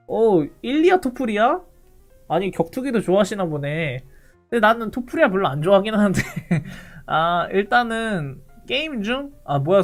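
Young man, live-stream chat, lively swinging pitch, rambling, hesitant, laughs a lot.

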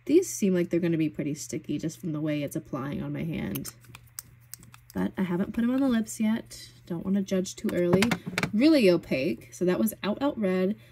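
A young woman vlogging about beauty products in a casual, gushing, chatty way, full of fillers and excitement. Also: fairly low pitch, normal speed, slight background noise. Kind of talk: casual product swatching chat.

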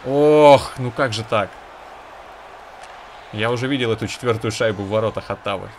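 A man doing excited hockey goal calls as he commentates his own video game play. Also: lowish voice, brisk, a little hiss or hum.

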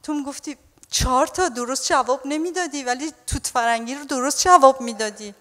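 An exasperated schoolteacher, as a woman preacher puts her on in a story told during a sermon, coaxing a boy in a high voice. Her words ring with the long echo of a church hall. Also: a bit bright. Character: exasperated female math teacher coaxing a boy.

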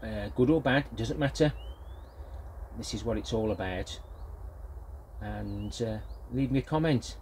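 Somewhat slow and darkish in tone, this older British man's lowish voice carries a hesitant, rambling product review delivered casually and unscripted. He's a grandfatherly gardening vlogger, and the audio has a little hiss or hum.

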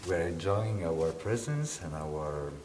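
Deep-voiced Italian-accented man. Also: very animated, unhurried, darkish tone, slight background noise. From Italy. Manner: searching for words, many fillers. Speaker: dance artist. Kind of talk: interview answers. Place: dance studio, indoors.

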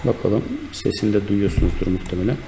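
A man with a low, gravelly voice walks through a screen-recorded software tutorial step by step. He speaks in an unhurried way, pausing on fillers and correcting himself as he clicks along. A faint hiss sits under his voice. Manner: unhurried, explanatory, with frequent fillers and self-corrections. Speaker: instructor.

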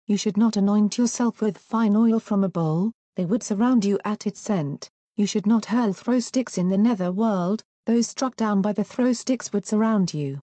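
A woman's voice: medium pitch, dark tone, no echo, lightly acted. Woman reading as a proud, grieving warrior king. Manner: lamenting, then commanding. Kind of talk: storybook reading.

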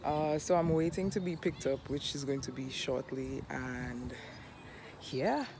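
A man's voice: medium pitch, level tone, normal speed. A man from Saint Lucia chatting upbeat and casually as he vlogs a morning hike outdoors. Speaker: vlogger. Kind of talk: casual outdoor hiking vlog. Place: outdoors on a mountain trail. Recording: noisy outdoor camera audio.

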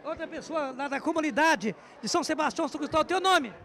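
Brazilian male event reporter, middle-aged, very high lively voice, chatty handheld-mic interviews. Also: quick pace. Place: busy covered outdoor community lunch. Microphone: handheld reporter microphone.

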